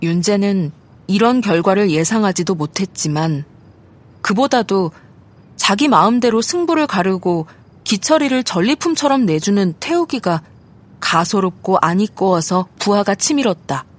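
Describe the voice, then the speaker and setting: A woman reading an audiobook story aloud in a steady, measured narration. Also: mid-range voice. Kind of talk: scripted narration.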